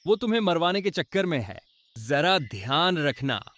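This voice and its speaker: A man's voice: on the high side, big pitch swings, normal speed, a bit bright. A man voicing a cunning, vengeful male wolf in a cartoon, talking in a scheming, menacing way.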